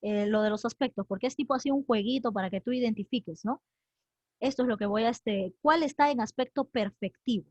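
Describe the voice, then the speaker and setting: Woman teacher, online lesson, animated questioning, muffled dry mic. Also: fairly high pitch, brisk, no room sound. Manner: animated, quizzes students by name and repeats conjugations aloud. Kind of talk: online class lecture. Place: home online class.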